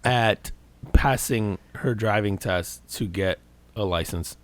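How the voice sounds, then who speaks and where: A man's voice: lowish voice, takes it slowly. An American man hosting a podcast in casual, profane banter, talking like a frat bro with lots of slang. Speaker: podcast host.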